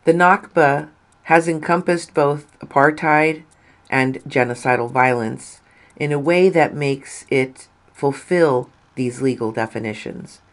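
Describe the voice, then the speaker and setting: A woman with a very deep voice reads a written article aloud in a deliberate, measured manner. She stresses phrases and lets her endings fall.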